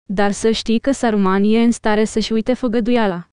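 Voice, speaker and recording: A wise old wizard scolds and warns with force, read by a woman. The voice stays smooth and mellow, fairly high, with a dry close sound. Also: steady tone, dry recording, close to an everyday voice. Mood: stern.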